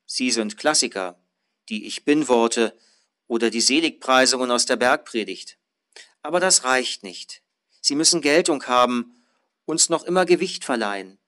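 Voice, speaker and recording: Casting male pastor, mid-pitched, measured earnest sermon delivery with emphatic swells. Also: expressive, a bit bright. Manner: measured, earnest preaching with rising emphatic phrases.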